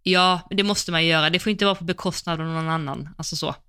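Bright, smooth-voiced woman podcaster. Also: fairly low pitch, fairly even intonation, no echo. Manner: thoughtful, hedges with frequent fillers. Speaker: podcast co-host. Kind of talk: casual chat about competition riding.

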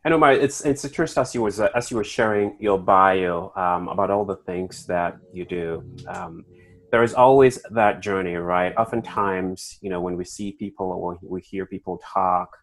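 A very deep-voiced man hosts an interview podcast, framing questions in a measured way. He pauses often with filler sounds as he introduces his guest. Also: a little hiss or hum, low-quality recording. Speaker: podcast host.

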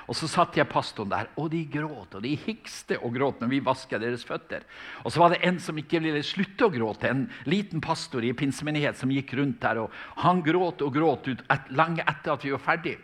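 A man's voice: fairly high pitch, animated, fairly bright tone. A man from Norway, preaching a sermon and telling stories in a fervent, emphatic way, often restarting his phrases. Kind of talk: sermon with storytelling.

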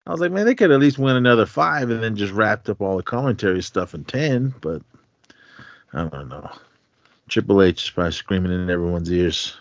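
A middle-aged man co-hosts a podcast, his voice on the low side, expressive and brisk as he chats in a casual, laid-back, slangy way. The recording is dull and lo-fi, with a dry, close sound and no room ambience.

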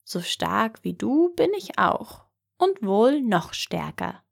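Fearless young fairy-tale hero, bold and offhand, slow delivery with a gravelly edge, as a woman reader puts him on. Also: a little high, sing-song, exaggerated voice. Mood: cocky. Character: fearless cocky young man.

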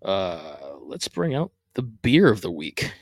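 A man with a fairly low voice hosts a casual solo podcast from his living room. He rambles along with plenty of ums and false starts. The sound is dry and close, with no room echo. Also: huge pitch swings, slow pace. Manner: rambling, many fillers and restarts. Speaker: podcast host.

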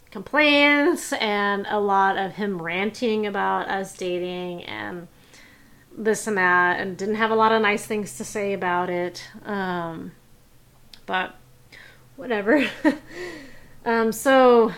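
A woman's voice: mid-range voice, a bit bright. A young adult woman casually recounting personal stories as a podcast host, with frequent fillers and little laughs. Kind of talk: personal storytelling.

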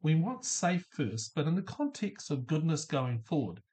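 A husky-voiced middle-aged man hosts a reflective solo podcast. His pitch sits a bit high for a man, and he thinks out loud, posing questions to the listener at an unhurried, thoughtful pace. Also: big pitch swings. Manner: thoughtful, asks questions, light laughs. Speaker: podcast host.

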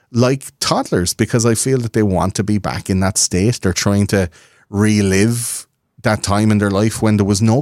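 A man's voice: lowish voice, a little mellow, no room sound, studio quality. An Irish man talking as a podcast guest, swearing freely and acting out the voices of people he quotes. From Ireland. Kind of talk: casual interview chat.

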